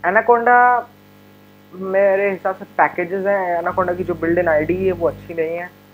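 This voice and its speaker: A man's voice: high voice, fairly even intonation, unhurried, faint music behind. A young man with an Indian accent giving a casual, chatty coding tutorial, with many fillers and restarts. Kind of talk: casual screen-recorded tech tutorial.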